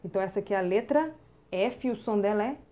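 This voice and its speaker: A woman with a Brazilian Portuguese accent teaching children to read, sounding out syllables slowly and clearly. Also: medium pitch, animated, dull audio. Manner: slow, drawn-out sounding of syllables to the viewer. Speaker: literacy teacher. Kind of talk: children's phonics lesson.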